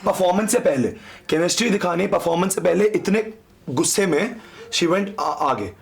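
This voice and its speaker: A young man with a fairly high voice argues his side, defensive and insistent. He keeps cutting in to explain himself, slipping English phrases into his Hindi. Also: normal speed, vocal fry. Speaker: reality show contestant. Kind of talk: heated argument in Hindi and English.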